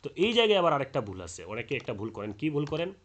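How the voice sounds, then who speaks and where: A man giving a Quran recitation lesson, explaining rules patiently, repeating his points and chanting verses slowly as examples. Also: mid-range voice, very animated. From Bangladesh.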